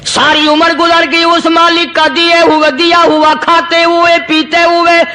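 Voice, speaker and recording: A man's voice: extremely high pitch, completely flat delivery, sharp tone. A man preaching a sermon, telling a story with emphatic repetition. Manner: storytelling, emphatic repetition, chanted Arabic verses.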